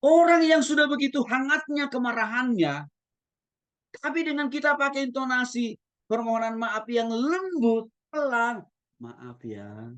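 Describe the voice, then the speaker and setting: A man who is a pastor, lecturing at a Bible school in an animated way and often addressing his listeners directly. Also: very high-pitched, normal speed. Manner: animated, demonstrates tones of voice, addresses the audience often. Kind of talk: theology lecture.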